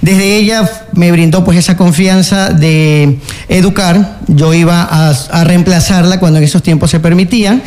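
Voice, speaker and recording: A man's voice: high voice, fairly even intonation, normal speed, darkish tone. A man, a guest on a radio interview, speaking earnestly with many fillers and restarts. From Ecuador. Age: 40s. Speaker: interview guest, local candidate and teacher.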